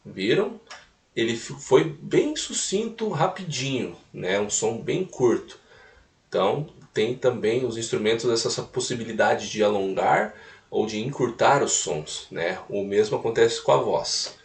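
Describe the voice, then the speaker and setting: A man teaches a recorded music lesson, explaining step by step and repeating points with little "né?" tags. His medium-pitched voice is animated yet unhurried, and the recording has a roomy echo from a distant mic.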